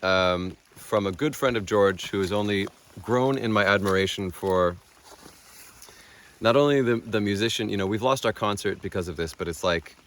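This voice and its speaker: An American man speaking as a guest on an outdoor bike trip video, talking in a thoughtful, wry, soft-spoken way. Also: lowish voice, moderate pace. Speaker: guest and local guide on the ride. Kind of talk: casual outdoor chat. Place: outdoors by a lake.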